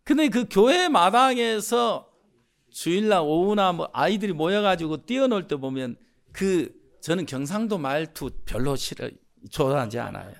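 A man's voice: sits high, unhurried. A middle-aged man from Jeolla preaching a sermon, telling stories and acting out voices. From Jeolla, Korea. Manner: animated storytelling, acting out voices. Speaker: pastor.

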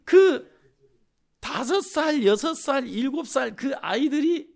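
A man's voice: very high-pitched, slow pace, vocal fry. A middle-aged man from Jeolla preaching a sermon, telling stories and acting out voices. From Jeolla, Korea. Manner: animated storytelling, acting out voices. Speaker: pastor.

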